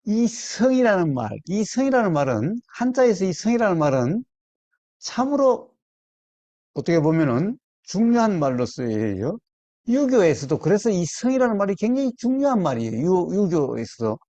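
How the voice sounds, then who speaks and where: A man teaching Buddhist meditation in a slow, deliberate way, repeating his key words and putting questions to his listeners. His voice is mellow and his pitch moves a lot. The recording is dry and sounds lo-fi. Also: big pitch swings, dry recording. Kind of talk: dharma talk to a small group.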